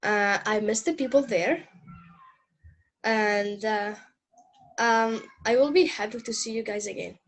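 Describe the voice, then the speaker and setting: Woman in an interview, ums and uhs, bit higher voice. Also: a little slow, long pauses. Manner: hesitant, with many fillers. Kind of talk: casual interview answers.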